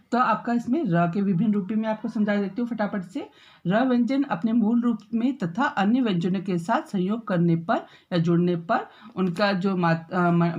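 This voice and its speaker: A woman's voice: mid-range voice, a little mellow, lo-fi sound. Woman teacher explaining Hindi grammar step by step. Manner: explains step by step with frequent "है ना" and "ठीक है" checks; drawn-out, slowed example words. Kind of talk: classroom grammar lesson.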